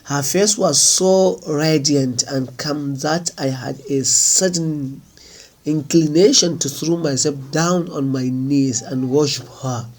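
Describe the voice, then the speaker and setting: A man reading a folk tale aloud in a measured, unhurried storytelling manner. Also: on the high side, a little mellow. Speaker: narrator.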